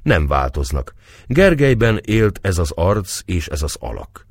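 Man, low voice, lively pitch, dry sound, audiobook narration. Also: no room sound. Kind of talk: audiobook reading of a novel.

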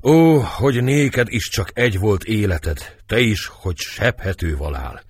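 A man voicing a grief-stricken middle-aged nobleman, declaiming slowly and with passion in a husky voice. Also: fairly low pitch, animated, no room sound, clean studio sound. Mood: anguished. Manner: impassioned, declamatory, slow and heavy.

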